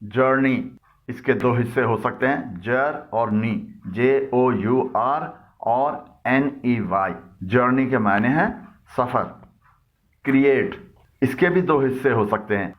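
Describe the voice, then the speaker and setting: A man with an Urdu accent narrates a scripted English lesson at a slow, deliberate pace and spells words out letter by letter. His voice sits at a middle pitch. The recording is dull and lo-fi. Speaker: English teacher.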